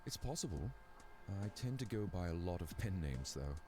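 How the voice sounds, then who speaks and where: Deep, understated young writer, modest, game character. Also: male voice, very animated, normal speed, a little mellow. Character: low-voiced young adult man, modest writer and role-player. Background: game music.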